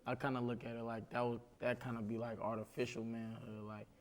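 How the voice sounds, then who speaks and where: A young man from East Oakland talking candidly in a halting way, searching for words. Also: mid-range voice, level tone. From East Oakland, California. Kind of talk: candid group discussion.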